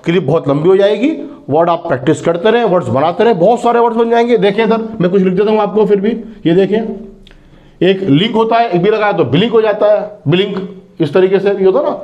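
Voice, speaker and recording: A man teaching English phonics, drawing out each word slowly and answering his own questions as he goes. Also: high voice, muffled recording. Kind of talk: phonics lesson.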